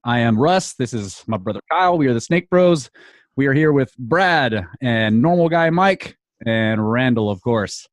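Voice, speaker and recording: A man's voice: medium pitch, lively intonation, measured pace, dry recording. A man co-hosting a podcast, upbeat, chatting casually and laughing easily. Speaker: podcast co-host.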